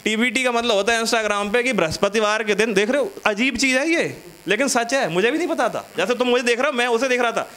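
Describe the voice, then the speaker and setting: A male stand-up comic with a notably high voice, spinning stories in a loose, chatty way. He keeps breaking off to banter with his audience on a small studio stage. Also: quick pace, hardly any pauses, bright, forceful tone. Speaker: stand-up comedian. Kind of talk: stand-up comedy set.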